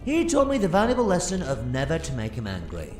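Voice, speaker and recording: A man's voice: a little high, huge pitch swings, quick pace. A man playing an eccentric, scatterbrained alien time traveller in an audio drama, rambling and hesitating theatrically. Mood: curious, breezy. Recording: roomy sound with music behind.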